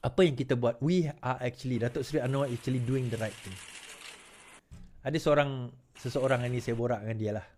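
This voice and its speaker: A man's voice: mid-range voice, brisk, darkish tone, slight background noise. A man with a Malaysian Malay accent giving political commentary to viewers, telling stories animatedly with laughs and slipping English phrases in.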